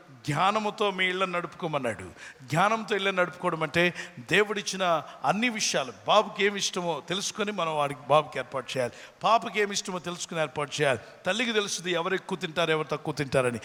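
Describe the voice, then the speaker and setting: High bright-voiced male preacher. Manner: earnest preaching with homely examples, rising into fervent prayer. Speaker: pastor. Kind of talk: sermon and prayer. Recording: long hall reverb with faint music.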